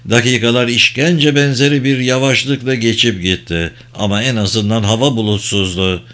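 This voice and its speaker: A man narrating an adventure novel as an audiobook, in a steady, measured storytelling voice. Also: medium pitch.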